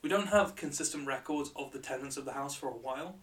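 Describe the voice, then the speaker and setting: A man hosting a show as a bright, curious, joking presenter, telling stories in a light-hearted, conversational way. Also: medium pitch, quick pace, far from the mic. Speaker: podcast and radio show host.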